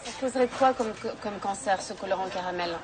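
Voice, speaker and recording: A woman's voice: mid-range voice, fairly quick. A woman interviewer asking questions in an inquisitive, slightly hesitant way. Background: crowd noise.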